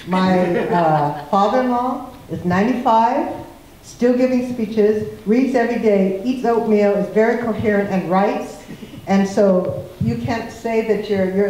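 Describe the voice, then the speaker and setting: A woman's voice: a little high, dark tone. An older woman giving an informal speech at a community forum into a handheld microphone. She talks animatedly, laughs often and restarts her sentences. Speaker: invited speaker at a community forum. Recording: very echoey hall, faint noise.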